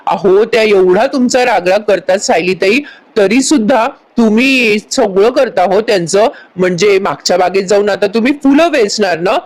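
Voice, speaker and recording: A woman's voice: mid-range voice, moderate pace, close to an everyday voice. A woman voicing a curious, talkative house help in a serial recap.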